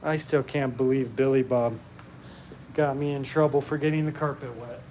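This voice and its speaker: A man hosting a casual live stream Q&A from his home, relaxed and chatty with frequent ums. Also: mid-range voice, moderate pace, a little hiss or hum.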